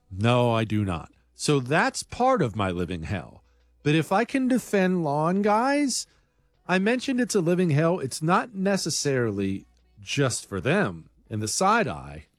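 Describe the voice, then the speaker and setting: A man's voice: mid-range voice, no room sound. A man hosting a talk show, delivering a blunt, combative monologue full of rambling asides. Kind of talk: opinionated radio-style monologue.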